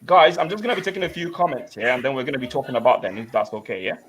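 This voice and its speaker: Racing along in a sing-song, medium-pitched voice that's a bit bright, a Nigerian man runs a casual football reaction stream from his home studio with remote guests on call. He reads viewer comments aloud, often repeating himself. Slight background noise is audible.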